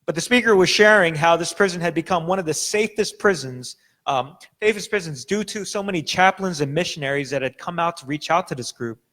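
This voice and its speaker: A young adult pastor from the United States, whose first language is Korean, preaches a sermon in a church sanctuary. His voice sits on the high side, animated, pushed and bright, and he talks a little fast. His delivery is casual, with fillers and restarts.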